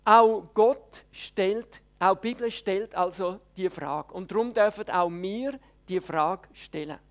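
A woman's voice: medium pitch, slow pace. A woman preacher, giving an earnest, emphatic sermon.

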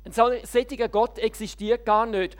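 A woman voicing a firm, quick-witted old pastor. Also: fairly high pitch, fairly even intonation, close to an everyday voice.

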